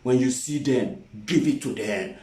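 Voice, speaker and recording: A man's voice: mid-range voice, a little slow, mellow. A man hosting a morning political commentary broadcast, sarcastic, mocking and emphatic. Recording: roomy echo, distant from the mic.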